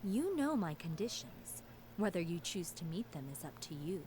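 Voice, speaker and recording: An actress playing a solemn, cryptic fortune teller in a video game, delivering theatrical prophecies. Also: female voice, fairly low pitch, sing-song, normal speed, a little mellow, a little hiss or hum, rough recording. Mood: cryptic, measured. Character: solemn, cryptic fortune-telling seer woman. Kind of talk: dramatic game voice acting.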